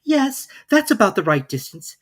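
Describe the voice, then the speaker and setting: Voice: mid-range voice, sing-song, moderate pace, breathy edge, voice pushed up. A storybook narrator voicing Alice, a curious, chatty little girl who rambles and wonders aloud to herself. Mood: musing, chatty. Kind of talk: children's storybook character reading.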